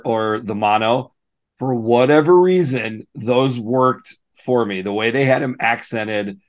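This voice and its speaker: Guy with a gravelly hoarse voice, laid back podcast co-host, rambles and restarts a lot. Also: mid-range voice. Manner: relaxed, rambling, with frequent restarts. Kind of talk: casual sports podcast chat.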